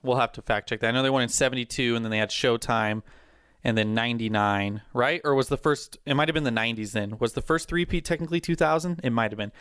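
A man's voice: medium pitch, fast, a bit bright, smooth, dry recording, clean studio sound. A man hosting a sports podcast in casual chat, talking with rambling fan enthusiasm. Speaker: podcast host and sports writer.

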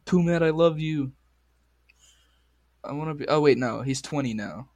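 A man hosting a podcast, chatting casually with crude, excitable banter while straining a sore voice. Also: fairly high pitch, moderate pace, no echo. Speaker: podcast host. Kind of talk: casual chat.

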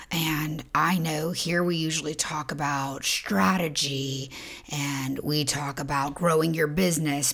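Female podcast host, low raspy morning voice, intimate near-whisper delivery. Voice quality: husky morning voice. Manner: soft and intimate, often half-whispered. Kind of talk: reflective motivational monologue.

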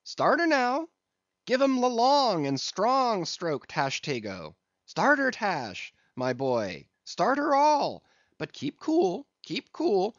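A man voicing a rowdy, excitable whaleboat mate who bellows orders at his crew. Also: fairly high pitch, takes it slowly, dry recording, highs cut off, voice pushed up, exaggerated voice. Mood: yelling urgently. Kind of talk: audiobook character voice.

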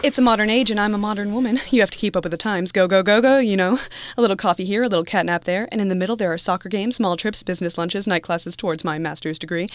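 A woman voicing a bossy, overachieving suburban housewife who talks in a brisk, breathless rush. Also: medium pitch, slight background noise, natural voice. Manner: brisk and breathless, then clipped and awkward.

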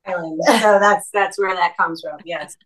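A woman in her thirties with a New Jersey Italian-American accent, a podcast guest telling a story in an animated way and saying "like" a lot. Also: lowish voice, normal speed, recorded from a distance, poor audio. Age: 30s. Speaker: podcast guest, restaurant co-owner. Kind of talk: casual chat.

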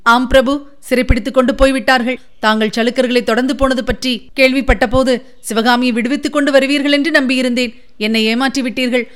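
A woman's voice: sits high, fairly even intonation, moderate pace, fairly bright tone, smooth, pitched above the performer's own voice. A woman voicing an elderly male sculptor, a father driven frantic by grief, wailing and pleading. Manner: frantic, wailing, sobbing pleas.

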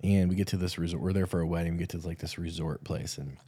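A man's voice: low-pitched, steady tone, quick pace, dark tone, breathy edge, no room sound. A man co-hosting a podcast, tired after a red-eye flight, chatting casually and telling rambling stories with many restarts. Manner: laid-back storyteller, frequent restarts. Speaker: podcast co-host. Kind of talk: casual chat.

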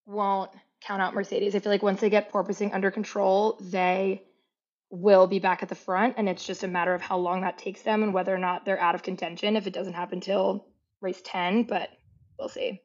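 A woman's voice: mid-range voice, little pitch movement, normal speed, darkish tone. Upbeat woman podcast co-host, slightly muffled. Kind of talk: casual chat.

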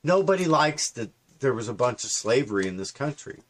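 A man in his fifties with a lively, swinging voice, co-hosting a casual talk. He is sarcastic and quick to mock, and he uses his normal middle pitch. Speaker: podcast co-host. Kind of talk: casual opinion chat.

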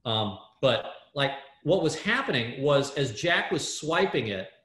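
A man, a guest in an interview, telling a story in an animated way with many fillers and restarts over a video call. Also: mid-range voice, measured pace. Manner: excitable, lots of fillers and restarts. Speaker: guest, startup hardware builder. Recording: roomy echo.

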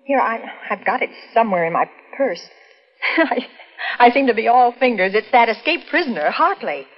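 A woman's voice: a little high, sing-song, normal speed. A woman playing a nervous young woman driving alone at night, narrating and speaking in tense 1940s radio drama style. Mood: flustered. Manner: tense, breathless, first-person narration. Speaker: lead actress and narrator. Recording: dull old radio recording with music.

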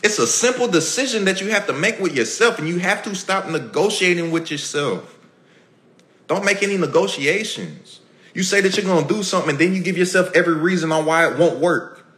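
A man's voice: high-pitched, animated, brisk, fairly bright tone. Emphatic, preachy man in an echoey room. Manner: preachy, repetitive, emphatic, acting out everyday dialogue. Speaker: podcast host. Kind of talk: motivational talk to a live audience.

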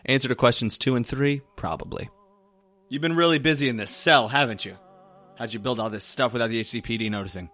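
An actor playing a short-tempered, sarcastic private eye in an audio drama, with a brusque, tough-talking manner. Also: male voice, mid-range voice, quick pace, pushed and bright, faint music behind, close to an everyday voice. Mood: wry. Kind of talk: audio drama acting with first-person narration.

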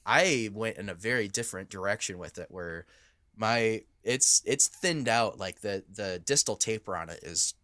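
A man hoarse from coughing, with a rough smoker's rasp, chatting informally as a co-host. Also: on the low side, normal speed, sharp tone, no echo, clean studio sound. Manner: informal, sweary. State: hoarse after weeks of coughing. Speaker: podcast co-host, knife maker. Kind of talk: casual chat.

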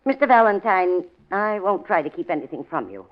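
Guarded widow, calm, suspicious, lowish female voice, 1940s radio drama, muffled vintage recording. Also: fairly quick. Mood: cool, suspicious.

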